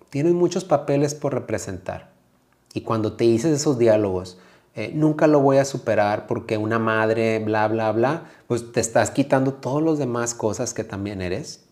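A man with a Mexican Spanish accent, a yoga teacher hosting a motivational podcast, speaking calmly and reflectively straight to the listener. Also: on the low side.

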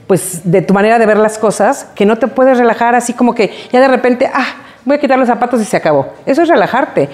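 A woman co-hosting a casual talk show, expressive and emotional, acting out the phrases she quotes. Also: on the high side. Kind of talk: casual chat.

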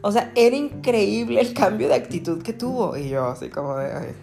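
A woman's voice: medium pitch, brisk, vocal fry, faint music behind. Chatty woman with a Mexican accent. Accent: Mexican Spanish. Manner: chatty, many fillers, animated retellings. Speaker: print shop owner. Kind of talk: casual storytelling.

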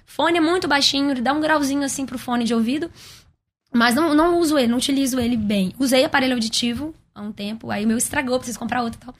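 A young woman with a Brazilian Portuguese accent talks as an interview guest, a worship singer. Her voice sits a bit high and the words come out quickly, in chatty bursts. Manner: quick, chatty storytelling with frequent laughs. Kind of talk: casual interview chat.

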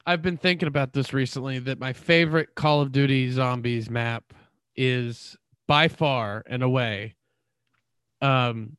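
A man's voice: mid-range voice, a bit bright, clear, resonant tone, no room sound. A young man chatting casually about video games, rambling with lots of fillers and restarts.

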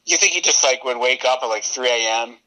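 A man co-hosting a podcast in casual comedic banter, joking and often breaking into high laughter. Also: a little fast, sharp tone, low-quality recording. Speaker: podcast co-host.

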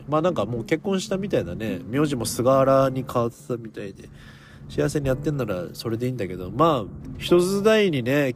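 Chatty man telling a story. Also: medium pitch. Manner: chatty, rambling, gets heated and tough-talking. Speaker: podcast host. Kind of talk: casual solo storytelling podcast.

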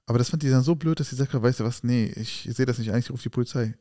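This podcast co-host, a man, chats and tells stories quickly, performing each person's dialogue as he recounts what happened. His mid-range voice sounds dark and mellow, and the close recording has no echo.

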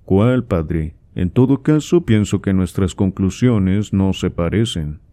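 A man reading aloud and voicing a proud, reserved young gentleman who answers his father formally and dryly. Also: low voice, lively intonation, slow pace. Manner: dry, formal replies.

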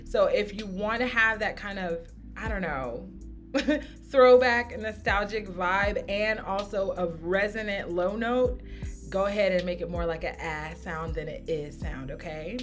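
A woman's voice: mid-range voice, a little slow, soft background music. Upbeat woman vocal coach teaching runs. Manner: upbeat, encouraging, sings short examples. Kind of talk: singing lesson with sung demonstrations. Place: home studio podcast.

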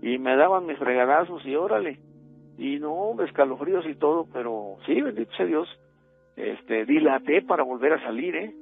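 A middle-aged man with a Mexican accent phones a radio show and recounts a ghost story, rambling and hesitant. His slightly high, expressive voice moves at normal speed with vocal fry and some roughness, heard over a tinny line with music.

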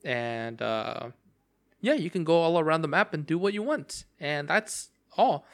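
A young man hosts a casual solo podcast about a game, his fairly high voice expressive and his pace measured. He rambles with plenty of fillers and restarts, and his voice is strained and cracking from talking so long.

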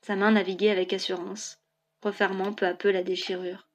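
A woman narrating a novel as an audiobook in a clear, even storytelling delivery. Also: mid-range voice, moderate pace.

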